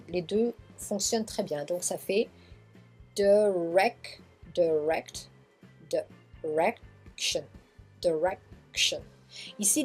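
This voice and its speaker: A French-speaking woman teaching English pronunciation, repeating each model word slowly several times. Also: mid-range voice, a little mellow, husky. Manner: slow, drawn-out repetition of model words. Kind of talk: pronunciation lesson.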